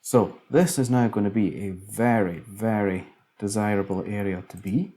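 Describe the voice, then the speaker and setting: A man's voice: fairly low pitch, normal speed, dark tone. A man casually commentating a city-building game, musing aloud as he builds, tired late at night. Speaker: let's play commentator.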